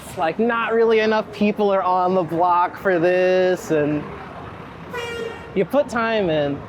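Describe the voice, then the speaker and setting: Speaking slowly in a mid-range voice, an American street photographer from Philadelphia rambles wryly and thoughtfully during a casual interview on foot. Outdoor street noise, traffic, and passing cars surround him.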